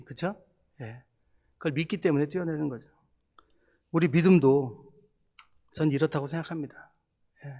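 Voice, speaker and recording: A middle-aged man delivers a sermon as a missionary pastor, and his voice sits a little higher than most men's. He sounds conversational and animated, often turning to the congregation with rhetorical questions.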